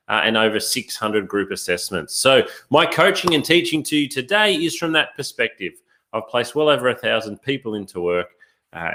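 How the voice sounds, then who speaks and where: A man's voice: mid-range voice, sharp tone. A middle-aged man, a career coach, presenting a live online workshop, upbeat and emphatic, putting rhetorical questions straight to his viewers.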